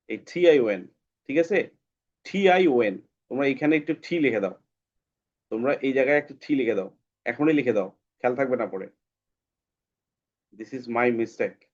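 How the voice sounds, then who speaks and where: A man's voice: medium pitch, lively intonation, normal speed, long pauses, dull audio. A man teaching English phonics, repeating each sound several times for the class. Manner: drills sounds by repeating them many times. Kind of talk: online phonics lesson.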